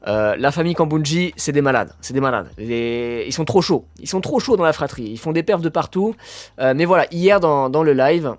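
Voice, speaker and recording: A man hosting a casual live stream about athletics, talking with his chat, full of fillers and sudden excited bursts. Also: on the high side, normal speed, no room sound.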